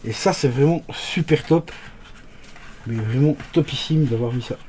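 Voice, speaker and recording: A man of ordinary pitch talks through an unboxing in a relaxed, chatty way. He hesitates often, filling gaps and restarting words as he goes. His voice drifts nearer and farther from the mic as he handles things. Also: measured pace, a little hiss or hum. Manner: chatty, hesitant with many fillers; talks to viewers as friends. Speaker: unboxing youtuber. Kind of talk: casual unboxing commentary.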